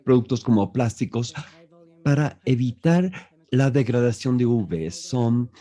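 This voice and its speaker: A man working as a live interpreter for an online press conference, with a mellow, dark tone. His pitch moves in a lively way as he goes, and he often stops to restart words and fill gaps with hesitations. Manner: halting, with restarts and fillers. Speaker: simultaneous interpreter.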